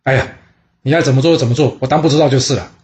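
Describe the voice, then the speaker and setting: A man's voice: medium pitch, very fast, darkish tone, lightly acted. A man voicing a cautious, fearful ancient minister who pleads and hedges. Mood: anxious.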